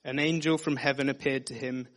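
A man preaching in an earnest, measured way, moving between scripture readings and plain explanation. His voice sits at an ordinary middle pitch for a man, and the delivery stays steady and sincere throughout. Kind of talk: sermon. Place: dim room.

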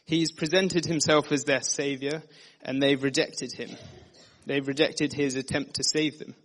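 A man giving a sermon, reading scripture passages and explaining them in an earnest, steady teaching manner. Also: fairly high pitch, a little slow. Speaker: preacher. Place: dim room.

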